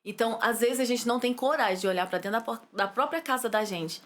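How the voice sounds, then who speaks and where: A Brazilian woman, a psychologist and pastor, telling her life story in an interview with fervent, animated energy. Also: fairly high pitch, fast. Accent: Brazilian Portuguese. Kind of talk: testimony interview.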